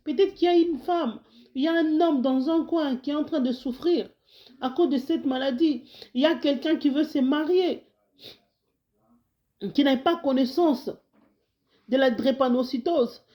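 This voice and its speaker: This woman's voice sits high and moves at a measured pace, though the audio is dull. She's a Congolese health video host in the United States, chatting casually to her viewers despite a cold that makes her slightly hoarse, with warm urging to share the video, frequent restarts, and bits of Lingala.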